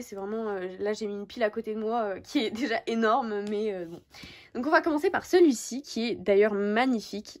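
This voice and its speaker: A young woman with a slightly high voice talks casually to camera about her latest books. She hesitates often and restarts her sentences, keeping a relaxed, chatty flow. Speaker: book YouTuber. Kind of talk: casual book haul chat.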